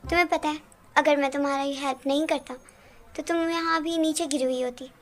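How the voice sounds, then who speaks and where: A woman voicing a gentle, reassuring young man. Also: sits high, fairly even intonation, fairly quick, natural voice. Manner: soft, reassuring. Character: calm caring young man, gentle older friend. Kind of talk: amateur Hindi fan dub. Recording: faint music underneath.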